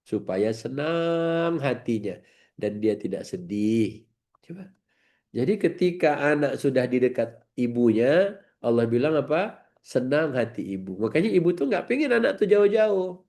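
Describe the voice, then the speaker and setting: A man preaching a lively sermon in a joking manner, acting out quick slangy exchanges. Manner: animated, jokey, acts out slangy dialogue in a high voice.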